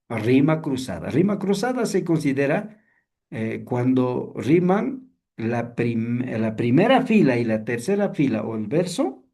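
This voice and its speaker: A man teaching a seminary class, explaining slowly and hesitantly, often asking rhetorical questions. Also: mid-range voice, warm tone. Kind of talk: online class lecture on songwriting.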